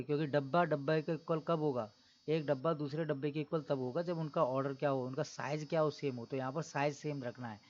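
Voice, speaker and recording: On dull-sounding audio, a man with a somewhat high, slightly mellow voice gives a classroom-style maths lecture. He explains step by step, asks his students questions along the way, and keeps tacking on "theek hai na."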